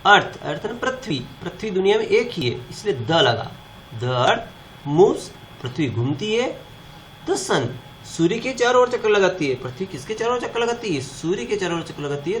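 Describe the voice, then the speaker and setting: A man runs a classroom grammar lesson, his voice set a little high. He poses questions and answers them himself, again and again. A soft hiss sits under the recording. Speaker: teacher.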